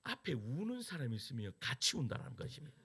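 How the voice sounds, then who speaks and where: Gravelly, animated Korean pastor preaching. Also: male voice, medium pitch, fast. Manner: animated storytelling with sudden loud peaks and hushed asides. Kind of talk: sermon with personal story.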